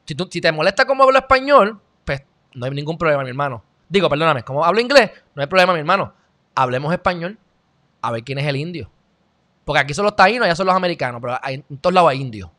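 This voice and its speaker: In a slightly high, bright and forceful voice, a Puerto Rican commentary show host speaks quickly and expressively. He's from Puerto Rico, talks with a Puerto Rican Spanish accent, and his opinionated monologue comes off blunt and lecturing.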